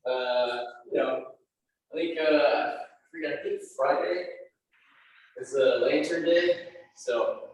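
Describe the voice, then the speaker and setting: A man's voice: fairly high pitch, slow pace. A man coaches a workout class with a slightly raised voice, counting down each set and cheering people on. He sounds a bit far from the mic in a very echoey room, with faint noise behind him. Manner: counts down reps, encouraging cues. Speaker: fitness instructor.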